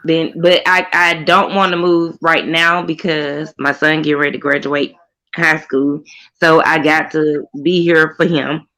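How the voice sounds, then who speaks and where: A woman's voice: sits low, steady tone, a little slow, pushed and bright, low-quality recording. Earnest woman in her forties opening up. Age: 40s. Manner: earnest, repeats herself, opens up about hardship. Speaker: guest caller on a group stream. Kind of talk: emotional casual chat.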